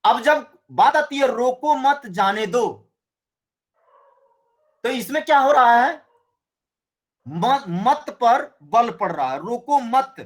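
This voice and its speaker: A man teaching a Hindi grammar lesson, explaining slowly and often checking with his students. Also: very high voice. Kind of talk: classroom lecture.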